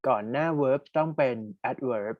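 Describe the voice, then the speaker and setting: A young man with a Thai accent teaching an online English exam-prep lesson. He reads test sentences slowly and explains them quickly, and he asks the students to type their answers in the chat. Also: mid-range voice, no room sound, narrow, tinny audio.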